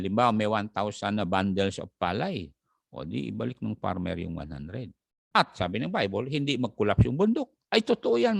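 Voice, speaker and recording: A man's voice: fairly low pitch, vocal fry, no room sound, clean studio sound. A male pastor with a Filipino accent preaching a sermon, reading scripture in English and explaining it in Tagalog, greeting viewers by name.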